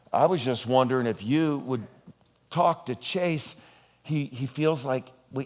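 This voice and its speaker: A male pastor delivers a sermon in a mid-range voice. He is a playful storyteller who jokes around, animated and expressive, swinging between hushed and loud delivery.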